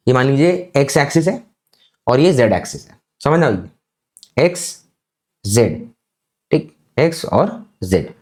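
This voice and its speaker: A man giving a physics lecture, explaining slowly and deliberately and often checking that students follow. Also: on the high side, darkish tone. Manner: slow, deliberate explaining with frequent check-ins. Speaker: physics teacher.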